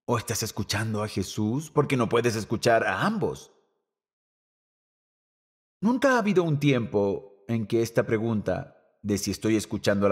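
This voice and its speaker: A man preaching a sermon to a church, animated, rising to shouts and dropping to a hush. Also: mid-range voice. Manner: lively preaching, shouting quoted lines and dropping to near whisper. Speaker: pastor.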